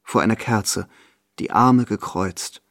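A man reading a novel aloud as first-person literary narration, measured and following the drama of the scene. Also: fairly low pitch, gravelly, dry recording, clean studio sound. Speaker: reader.

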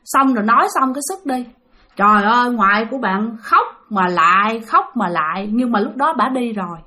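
A woman's voice: on the high side, expressive, normal speed, sharp tone. A woman with a Southern Vietnamese accent telling a spooky story, chatty and talking straight to her listeners. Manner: chatty, addresses listeners directly.

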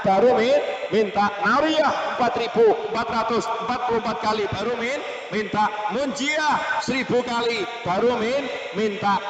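A man preaching a sermon, telling stories with animated, shouted emphasis. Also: extremely high pitch, dull audio. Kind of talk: sermon at a religious school gathering. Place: large hall or open-air gathering. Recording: echoey hall with long reverb.

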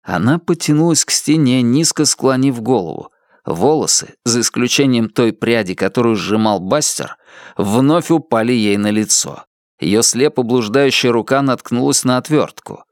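Man reading a tense audiobook, animated. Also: mid-range voice, moderate pace, no room sound, clean studio sound. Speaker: audiobook narrator.

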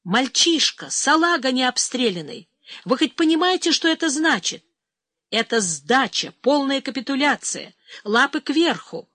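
A woman voicing a hot-tempered male lieutenant colonel who shouts in loud indignation, in an audiobook. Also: a little high, a little slow, few pauses, dry recording, pitched above the performer's own voice. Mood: furious.

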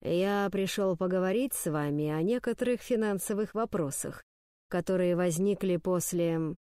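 A woman voicing a stern male school headmaster who speaks slowly and heavily in a dry audiobook reading. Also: fairly low pitch, mellow, smooth, dry recording, lightly acted. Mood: cold. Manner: slow, heavy, deliberate.

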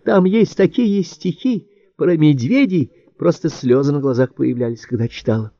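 A man's voice: on the high side, moderate pace, dark tone, no room sound, lo-fi sound, pitched above the performer's own voice, lightly acted. A man voicing a sentimental woman secretary in an audiobook, with a sweet, dreamy tone.

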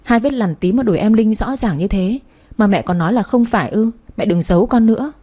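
A woman's voice: medium pitch, brisk, mellow, slightly rough, voice pushed up, natural voice. A woman voicing a fifteen-year-old girl who is protective of her little sister and stands up to her mother. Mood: earnest, pleading.

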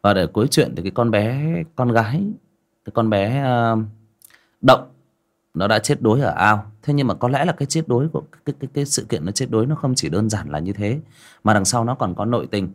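A man's voice: lowish voice, expressive, a little fast. A man narrating a village ghost story on a livestream in a conversational way.

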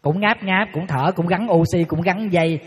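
A man, a Buddhist monk giving a lively sermon to an audience, telling stories and teasing listeners. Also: high-pitched, normal speed, slightly rough. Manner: lively storytelling, acts out quotes, teasing the audience. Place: large hall with an audience. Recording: lo-fi live hall recording with long reverb.

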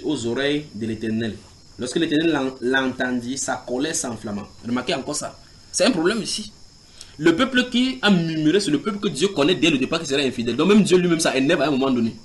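A man preaching in a house church, teaching from the Bible, reading scripture aloud and putting questions to his listeners. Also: on the high side. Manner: animated, asks the group questions and reads scripture aloud.

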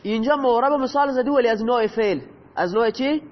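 A man teaching a grammar lesson, patiently explaining and asking his students questions that he then answers himself. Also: extremely high pitch. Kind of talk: lecture explaining Arabic grammar. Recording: dull lo-fi audio with long reverb.

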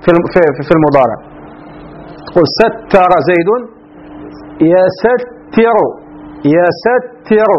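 Man, grammar teacher, high voice, slow stretched words, keeps checking if students follow, faint hiss. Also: animated. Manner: stretches key words slowly, often asks the class if it is clear. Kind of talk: Arabic grammar lesson. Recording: dull lo-fi recording.

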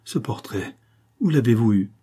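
A man's voice: lowish voice, expressive, normal speed, dark tone, husky. A man reading a novel aloud, voicing an anguished, demanding young noblewoman. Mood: distraught. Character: distraught young noblewoman, proud painter.

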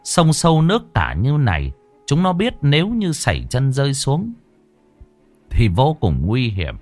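A man narrating an audiobook story in an expressive, dramatic way. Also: mid-range voice, a little slow, no echo, soft background music.

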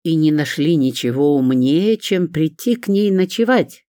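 A reader narrating a first-person audiobook in a sardonic, lively way. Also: mid-range voice, a little slow, no room sound, studio quality.

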